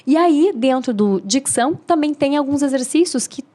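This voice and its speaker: A woman's voice: high-pitched, lively intonation, moderate pace, warm tone. A woman, a speaking mentor explaining tips in a friendly, teaching way as a podcast guest. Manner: didactic, demonstrative, friendly.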